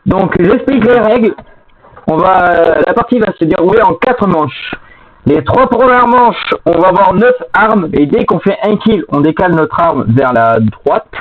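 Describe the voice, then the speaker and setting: A high-pitched man rambles through game rules, correcting himself as he goes. His voice comes out half robotic and glitchy, stuttering with lag. It sounds thin and tinny, like a cheap mic over a phone line. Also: expressive, a little slow. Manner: rambling, self-correcting rule explanations. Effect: half-robotic, glitchy lagging voice from a bad mic. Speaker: co-player explaining game rules. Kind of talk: casual gaming chat. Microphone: cheap headset or desk mic.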